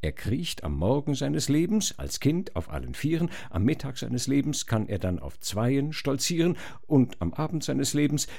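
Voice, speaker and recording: A man's voice: medium pitch, sing-song, moderate pace, gravelly, few pauses, a little mellow, pitched above the performer's own voice. A man voicing a haughty female sphinx who taunts and poses riddles in comic rhyme. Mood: explaining. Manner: taunting, theatrical rhymed delivery.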